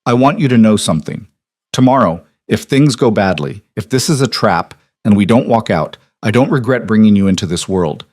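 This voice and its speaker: A man voicing a guarded, middle-aged crime boss who speaks in a quiet, measured, controlled way. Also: fairly low pitch, lively intonation, dry recording, clean studio sound.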